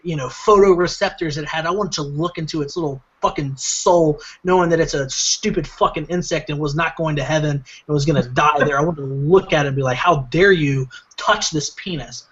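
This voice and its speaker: A man's voice: on the high side, brisk, few pauses, husky, lo-fi sound. A man telling a long story on a casual comedy podcast, rambling with lots of fillers. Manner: rambling, filler-heavy, animated retelling. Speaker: podcast co-host.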